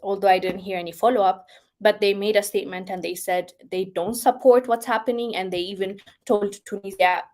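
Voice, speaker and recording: A woman hosting a casual chat show, reading out viewer comments and reacting in an expressive way, often laughing and moving between soft and excited tones. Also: mid-range voice, brisk. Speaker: host.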